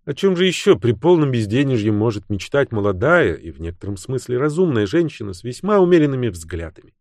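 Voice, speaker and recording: A male narrator voices a cool, sharp-tongued young woman with a mocking edge, pitching her higher than his own voice with wide swings. The recording is close and dry, with no echo.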